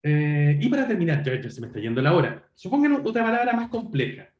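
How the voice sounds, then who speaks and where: Lively, high-voiced male lecturer. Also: fairly quick, reverberant, highs cut off. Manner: explanatory, checks in with students; self-correcting, frequent "perdón". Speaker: university lecturer. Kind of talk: online linguistics lecture.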